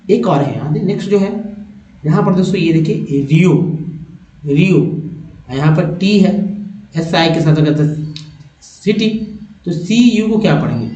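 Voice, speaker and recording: A man with an Indian accent teaching an English spelling lesson, repeating words slowly syllable by syllable. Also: high-pitched, mellow, reverberant, lo-fi sound.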